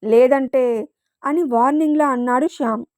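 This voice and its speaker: A woman storyteller reading a serialized romance story aloud in a steady, expressive way. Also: high voice, moderate pace, no echo, clean studio sound. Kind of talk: storybook narration.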